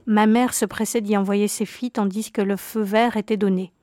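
A woman narrating a childhood memoir story in a calm, measured reading voice. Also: medium pitch, dry recording, studio quality.

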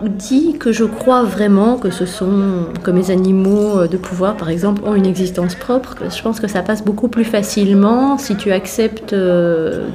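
A woman's voice: medium pitch, a little slow, few pauses, dark tone. A woman explaining her beliefs earnestly, with some hesitation. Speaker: interviewee. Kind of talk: personal testimony.

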